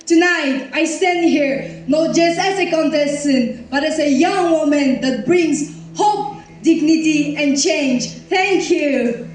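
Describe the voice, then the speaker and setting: A woman's voice: sits high, takes it slowly, darkish tone. An eighteen-year-old woman from Nagaland giving a composed, formal pageant introduction. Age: teens. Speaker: pageant contestant. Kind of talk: rehearsed stage introduction. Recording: very echoey hall, distant mic, faint music.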